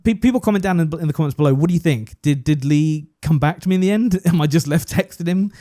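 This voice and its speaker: A man's voice: on the high side, quick pace, mellow, no room sound, clean studio sound. A young English man casually telling a story on a podcast and acting out both sides of the conversation. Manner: chatty, self-deprecating, acts out both sides of a conversation. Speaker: podcast co-host.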